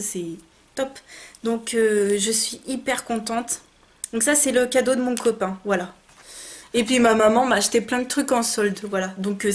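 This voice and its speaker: A woman in her twenties chatting casually and effusively in a beauty haul video, with many fillers and restarts. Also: fairly high pitch. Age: 20s. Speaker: beauty vlogger.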